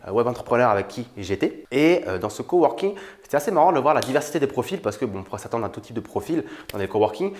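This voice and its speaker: A young man from France talks straight to his viewers in a quick, loose, familiar way. He rattles along at a brisk clip, dropping fillers as he goes, and his voice sits at an ordinary middle pitch. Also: big pitch swings, a little mellow. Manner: chatty and informal, addresses viewer familiarly, many fillers. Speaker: YouTuber on money and online business. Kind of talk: casual direct-to-camera talk.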